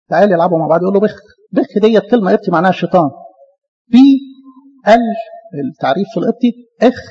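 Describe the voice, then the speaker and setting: A man with an Egyptian Arabic accent giving a lively church lecture, talking to his listeners as his beloved. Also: high-pitched, slightly rough, big-room sound, muffled recording. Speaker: Coptic church speaker.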